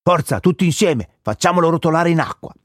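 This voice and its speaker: A man's voice: fairly high pitch, lively intonation, brisk, dry recording, studio quality, pitched above the performer's own voice. A man voicing a grumbling, very serious forest creature in a storybook reading. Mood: stern.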